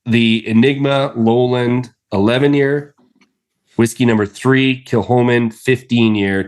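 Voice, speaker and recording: An enthusiastic man chatting as a podcast co-host, rambling along with fillers and quick restarts. His voice sits at an ordinary middle pitch for a man. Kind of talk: casual chat.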